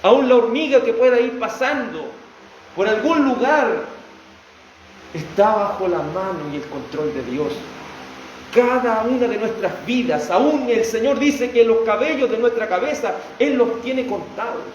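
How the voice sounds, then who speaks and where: A man delivers a sermon in a high, earnest voice, leaning hard on his key words and drawing some of them out. He sounds distant from the microphone, and his voice rings around an echoey church hall. A faint hiss sits underneath. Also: animated, measured pace, lo-fi sound. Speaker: preacher. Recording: echoey room, voice from far off.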